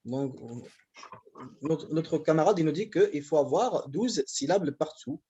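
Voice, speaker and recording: A man's voice: on the high side, expressive, unhurried, dark tone, breathy edge, dull audio. A man with a Moroccan accent explaining verse to his class, hesitant and repeating words as he counts syllables. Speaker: student presenting in class. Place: university classroom.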